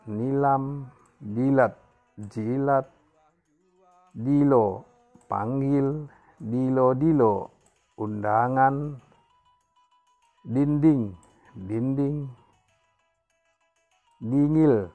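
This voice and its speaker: A man's voice: mid-range voice, darkish tone. A man teaching a local language, reading a dictionary word by word, stressing each headword and repeating it, then giving its meaning. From Indonesia. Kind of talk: slow word-list reading lesson.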